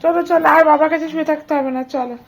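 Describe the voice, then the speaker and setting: An Indian mother with a Bengali accent coaxes her toddler in a sing-song voice during a casual home vlog. Her voice sits high, with fairly even intonation, and she talks very fast.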